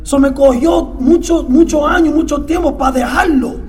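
High-voiced Dominican man, story in bursts. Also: normal speed. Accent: Dominican Spanish. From Dominican Republic. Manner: mixes English fillers into Spanish, stammers and repeats words; swings from quiet murmurs to loud bursts. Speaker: recovering addict sharing his story. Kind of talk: casual testimony.

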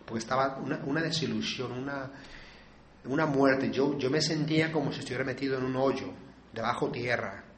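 A man's voice: mid-range voice, a little fast, roomy sound, slight background noise. Earnest man telling his own story. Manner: earnest, confessional storytelling with acted quotes. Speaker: speaker sharing his recovery story. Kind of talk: personal testimony.

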